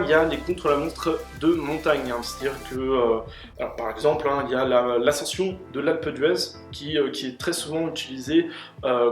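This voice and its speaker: Explaining man in a roomy room. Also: mid-range voice. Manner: many fillers and restarts, explanatory. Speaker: host answering questions on cycling. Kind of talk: casual explanatory Q&A. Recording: roomy room with faint music.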